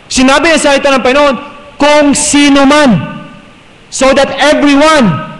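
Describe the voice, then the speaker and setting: A man's voice: very high voice, fairly even intonation, a little slow, fairly bright tone. A man with a Filipino accent preaching a sermon as pastor, mixing Tagalog and English and often asking the congregation "right?". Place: church sanctuary. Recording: long reverb in a church hall.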